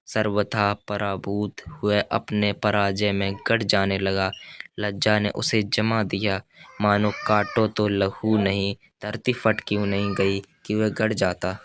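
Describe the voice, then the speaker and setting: A man narrating a literary novel in a measured, even reading. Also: fairly low pitch, slight background noise. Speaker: audiobook narrator. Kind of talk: scripted narration.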